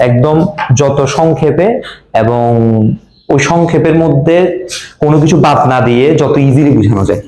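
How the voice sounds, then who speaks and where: A man's voice: fairly high pitch, normal speed, long pauses, dark tone, slight background noise. A man with a Bangladeshi Bengali accent teaching an English grammar class, quizzing students and repeating the key words. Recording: echoey classroom.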